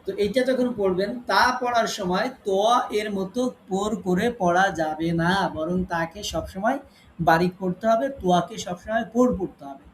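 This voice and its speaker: High-voiced man teaching Quran recitation. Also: a little hiss or hum. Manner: explains patiently, recites Arabic examples slowly. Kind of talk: online tajweed class lecture. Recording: echoey room with faint ambience.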